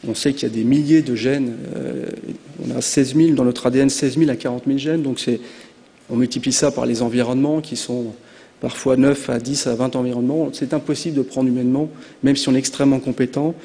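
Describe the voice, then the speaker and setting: In a conference hall with long reverb, a French man presents hesitantly, filling gaps with frequent filler sounds. His voice is mellow and medium-pitched, fairly quick, with fairly even intonation.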